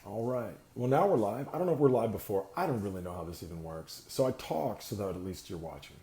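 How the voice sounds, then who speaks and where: A man's voice: fairly low pitch, expressive, fast, dark tone, echoey room. A man from California hosting a casual live talk show, rambling and filling time with many "uh"s while he waits for guests. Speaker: host. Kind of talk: casual livestream chat. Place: indoor room, seated on a sliding chair.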